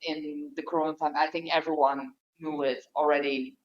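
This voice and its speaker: A woman's voice: sits low, level tone, a little fast, a little hiss or hum. A young woman from the Netherlands, a podcast guest, telling her own story openly with a lot of hesitation and fillers. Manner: open, hesitant, many fillers. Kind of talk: candid personal conversation. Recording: dull lo-fi audio.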